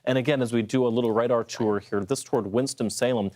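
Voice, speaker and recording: A man's voice: medium pitch, fairly even intonation, fast, dark tone. A man co-presenting live TV weather in a conversational style.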